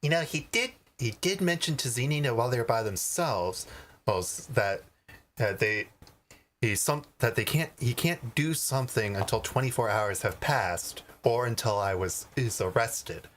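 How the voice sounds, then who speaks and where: A man's voice: medium pitch, lively intonation, normal speed, fairly bright tone, lightly acted. A man voicing a game character who whispers in a baby voice, hesitant and rambling. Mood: secretive.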